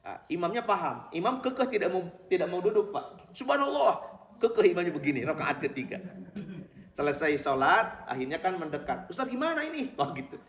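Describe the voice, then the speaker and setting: A middle-aged man preaching in a mosque, telling stories lively and often addressing his listeners directly. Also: fairly high pitch, a little fast. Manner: lively storytelling, addresses listeners as Pak and Bapak Ibu. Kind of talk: mosque religious lecture. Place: mosque hall. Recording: very echoey hall, mic far off.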